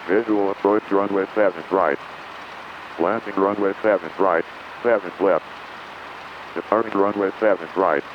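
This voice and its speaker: A man's voice on an automated airport weather broadcast, reciting wind, clouds and runway information in a flat, recited way over an aircraft radio. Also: deep voice. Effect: airport weather broadcast heard over aircraft radio. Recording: muffled aircraft radio under engine noise.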